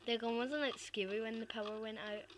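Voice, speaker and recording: High-pitched woman, scared horror game streamer, excitable and jumpy, casual commentary, noisy home recording. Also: brisk. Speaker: host of an amateur gaming video. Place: indoors, filming a screen with a handheld camera.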